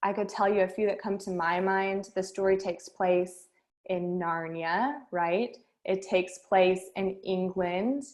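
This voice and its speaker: A woman's voice: medium pitch, fairly even intonation, slow pace, a little mellow. A woman, a speech and debate coach teaching an online workshop and guiding students through a string of questions.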